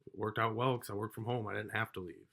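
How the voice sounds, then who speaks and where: A man telling a story from his own life in a casual, rambling way, swearing often and getting loud as he relives an argument. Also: on the low side, steady tone, quick pace, creaky. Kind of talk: casual personal account.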